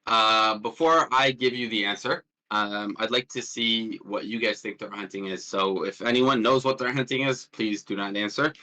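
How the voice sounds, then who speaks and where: A Jordan-born man in his twenties who spent his childhood in Palestine presents an informal workshop online over a push-to-talk call. A student and threat hunter, he speaks casually and hesitantly, with a self-deprecating streak. His fairly low voice is bright and forceful, at a moderate pace with few pauses.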